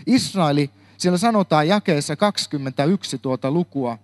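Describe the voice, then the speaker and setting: Man, preacher, reading scripture, occasional stumbles, slightly high voice. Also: expressive. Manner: reads scripture aloud with some slips and self-corrections. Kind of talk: Bible reading and sermon.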